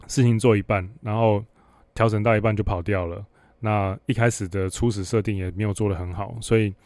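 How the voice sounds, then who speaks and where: A man's voice: fairly low pitch, darkish tone, no echo. A man with a Taiwanese Mandarin accent hosting a podcast, telling a work story in a blunt, sarcastic, casual monologue. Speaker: podcast host.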